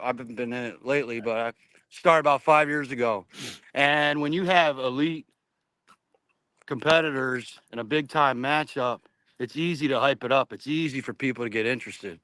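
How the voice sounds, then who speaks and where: A man chatting casually about sports in a slangy, animated way. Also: medium pitch, clear, resonant tone, dry recording.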